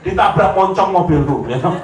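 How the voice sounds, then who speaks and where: A man's voice: high-pitched, moderate pace, heavy background noise. A man with a Javanese accent giving a humorous sermon, telling stories and acting out the voices of the people in them. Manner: animated, jokey, slips into Javanese, acts out voices. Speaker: preacher. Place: lecture hall with audience laughter. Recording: echoey hall, heard from a distance.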